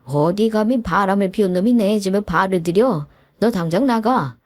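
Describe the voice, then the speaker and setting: In a told story, a woman voices a furious older father-in-law who scolds harshly and barks out commands. Her voice is medium-pitched at a normal speed, lightly acted, with no room sound.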